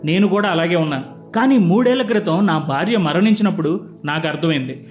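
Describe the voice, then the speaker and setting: A man reading the lines of a calm, reflective old man of eighty-four in a spoken storybook. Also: high-pitched, fairly quick, soft background music.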